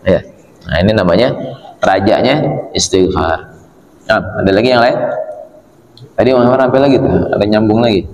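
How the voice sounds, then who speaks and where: A man giving a relaxed, conversational religious study talk in a mosque and answering questions from the congregation. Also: fairly low pitch, moderate pace, pauses often. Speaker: religious teacher. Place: mosque hall. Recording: echoey mosque hall with long reverb.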